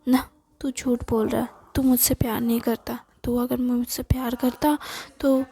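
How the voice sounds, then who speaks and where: A woman's voice: fairly high pitch, little pitch movement, moderate pace, warm tone, husky. A woman voicing a doting, scolding middle-aged mother in a whispered role-play, in a reproachful manner. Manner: nagging, reproachful.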